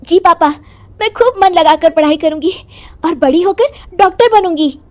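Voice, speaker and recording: A woman's voice: very high voice, moderate pace, a little mellow, pitched above the performer's own voice. A woman voicing an earnest, pleading teenage schoolgirl granddaughter in a cartoon moral story. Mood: eager.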